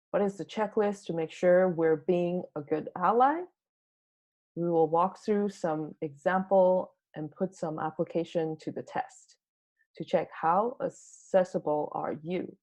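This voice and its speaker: A woman from Taiwan giving a prepared tech talk as a conference speaker, explaining things in a measured way. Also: lowish voice, a little mellow. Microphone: home recording for online talk.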